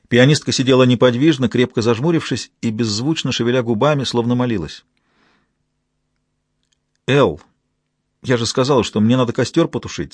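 A man narrating a novel in a measured, even storytelling manner. His voice is mid-pitched with a husky grain, recorded close and dry. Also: no room sound. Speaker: audiobook narrator. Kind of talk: audiobook narration.

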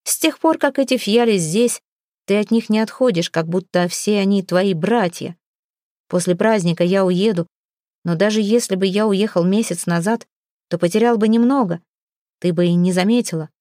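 Woman reading a young prince, jealous, hot-tempered, scornful, irritated, mellow tone, audiobook. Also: mid-range voice, moderate pace, no echo, studio quality, lightly acted.

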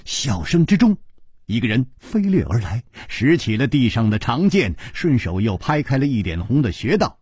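A man narrating a martial arts audiobook in a theatrical way, with sweeping pitch swings, recorded in a dry studio. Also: sing-song, moderate pace, a little mellow, slightly rough, no echo. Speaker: storyteller.

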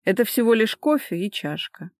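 A woman's voice: on the high side, sing-song, moderate pace, no echo, studio quality. Woman doing a stern guy, clipped and controlled, firm. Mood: restrained. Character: stern restrained grown man, a husband.

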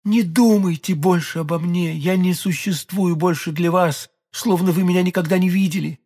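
Man doing a pleading young woman, raised and husky. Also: sits high, fairly even intonation, normal speed, mellow, voice pushed up. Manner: pleading, alarmed. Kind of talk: audiobook character voice.

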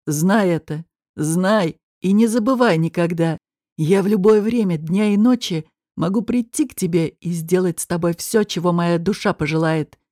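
A woman reading an audiobook voices a domineering, menacing man who talks in a low, slow, mocking, threatening way. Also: darkish tone, dry recording, studio quality, close to an everyday voice.

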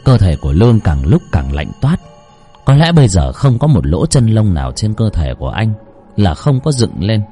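A man's voice: lowish voice, very animated, normal speed, dark tone, faint music behind. A man narrating a horror story with dramatic, tense delivery.

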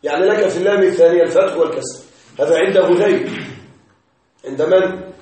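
A male teacher with a high voice lectures on grammar. He works slowly, repeating each point and asking his students if they follow. The sound is distant and heavily echoed, as if from the back of a bare classroom. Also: darkish tone. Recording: very echoey room, voice far from mic.

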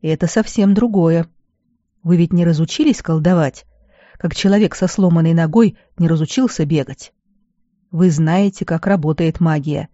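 A reader voicing a weary male garrison healer who scolds at first, then speaks with fatherly gentleness. The recording is dull and dry. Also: a little high, normal speed, dry recording, close to an everyday voice. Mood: soft. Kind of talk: audiobook character voice.

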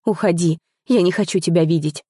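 A woman voicing a young woman who is hurt and bitter, speaking in a sharp, tearful, accusing way. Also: fairly low pitch, brisk, husky, dry recording, clean studio sound.

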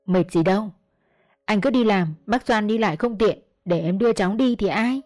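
A woman's voice: medium pitch, moderate pace, a little mellow, lightly acted. A woman voicing a blunt, protective young man in a narrated audio story. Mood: reassuring. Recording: dry close mic, faint music.

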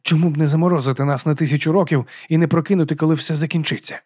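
A man voicing a desperate, hoarse man who accuses and pleads with his old mentor in an audiobook. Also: a little high, steady tone, quick pace, no room sound, studio quality. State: hoarse, burning throat. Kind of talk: audiobook character voice.

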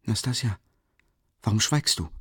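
A man's voice: medium pitch, moderate pace, dry recording, studio quality, voice pushed up, lightly acted. A man voicing a feverish, frightened young man. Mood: timid. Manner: timid, agitated, faint-voiced. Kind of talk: audiobook character voice.

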